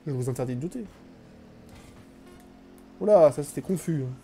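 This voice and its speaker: Young male streamer, mellow fairly high voice, self-mocking live game chatter over faint music. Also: expressive, moderate pace. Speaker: gaming streamer. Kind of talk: live gameplay commentary.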